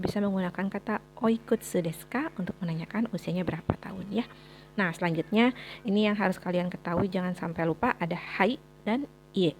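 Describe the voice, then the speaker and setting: Woman teaching, slowly repeating words. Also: lowish voice, a little mellow, slight background noise. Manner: explains patiently, repeats words slowly for practice. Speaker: Japanese language teacher. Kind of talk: online language lesson.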